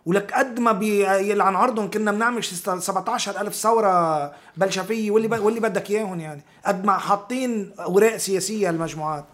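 A Lebanese man with a high-pitched voice in an informal political discussion. He talks quickly and emphatically, repeating phrases and throwing out rhetorical questions in blunt, coarse language. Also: a bit bright.

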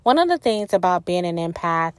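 Woman, wellness coach type, low-ish voice, loose rambly storytelling with lots of fillers, dry recording. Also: very animated, fairly quick, smooth, dry recording. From New Orleans, US South. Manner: rambling, heavy with fillers like "like" and "you know". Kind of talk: casual personal storytelling.

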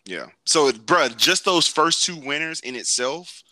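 A man hosting a laid-back show, talking in a slangy, rambling way and often restarting his sentences. His voice is very bright and sharp, and it is recorded close and dry. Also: fairly high pitch, lively intonation, a little slow, no echo. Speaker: podcast host. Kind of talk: casual chat.

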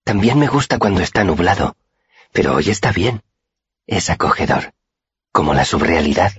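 A shy, whimsical young woman with a husky, breathy softness, full of childlike wonder, put on by a man raising his voice. The audiobook reading is dry and close. The sound is slightly muffled and dull. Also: low-pitched, lively intonation, normal speed, dry recording, pitched above the performer's own voice, full character voice. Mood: dreamy.

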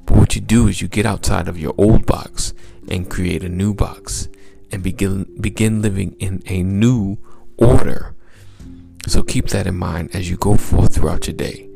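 A man hosts a motivational podcast as a mindset coach, his low voice smooth and gravelly. Over music, he delivers upbeat, repetitive exhortations in a steady tone and without hurrying.

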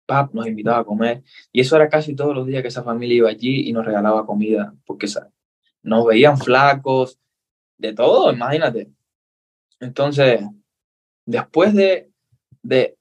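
A man's voice: mid-range voice, breathy edge. A young man from Cuba with a Cuban Spanish accent, a guest in a casual interview, telling his story earnestly and acting out the voices of the people in it. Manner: earnest, animated storyteller, acts out dialogue.

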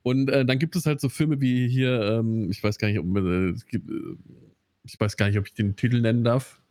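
A man's voice: mid-range voice, steady tone, brisk, a little mellow, no echo. Man, podcast co-host, rambling casual film talk, many fillers, dry close sound.

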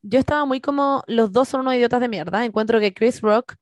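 Chilean woman, lively gossipy storyteller, slightly high voice, dry close mic. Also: a little fast, no room sound. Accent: Chilean Spanish. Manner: slangy, storytelling, acts out quotes. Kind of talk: casual chat.

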